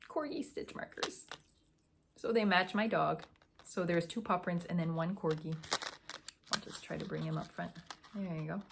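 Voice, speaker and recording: A young woman hosting a casual knitting podcast, chatty and gushing, tired after a morning run. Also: fairly low pitch. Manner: chatty and gushing, with fillers and restarts. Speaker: podcast host.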